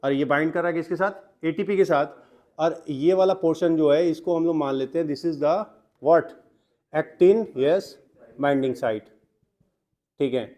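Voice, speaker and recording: A man's voice: on the high side, measured pace, mellow. A young adult man, teaching biology to a classroom of students. He mixes in English terms, keeps asking the class questions and then answers them himself. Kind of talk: classroom lecture.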